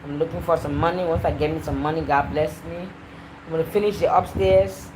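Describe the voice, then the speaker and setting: A woman hosting a casual livestream, chatty and animated as she talks straight to her viewers. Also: deep voice, brisk, background noise. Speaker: livestream host. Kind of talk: casual live-stream chat.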